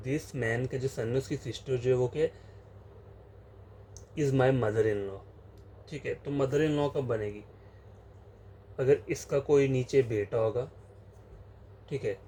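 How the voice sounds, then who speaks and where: Mellow-voiced male tutor. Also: medium pitch, slight background noise. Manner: explanatory, repeats phrases and fillers, slow reading of question text. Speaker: reasoning teacher. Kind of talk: exam-prep lesson, solving questions on a board.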